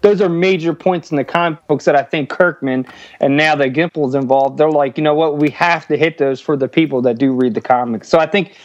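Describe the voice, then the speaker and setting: A man phones in as a podcast guest and talks eagerly, looping back on himself with lots of restarts. His voice sits a little high. The line sounds muffled and dead dry. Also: brisk, dry recording. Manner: eager, rambling, many restarts. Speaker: guest caller. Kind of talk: casual podcast chat. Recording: dull, dry call-in audio.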